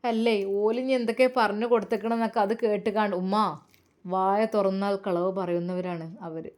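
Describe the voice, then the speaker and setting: A woman's voice: medium pitch, fairly even intonation, normal speed, darkish tone, natural voice. A woman voicing a firm, protective young son. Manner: firm, reassuring.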